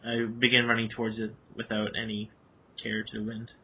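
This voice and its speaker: A man playing a tabletop storytelling game, talking hesitantly with many pauses. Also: on the low side, completely flat delivery, slight background noise. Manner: hesitant, lots of ums. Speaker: player. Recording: lo-fi podcast audio.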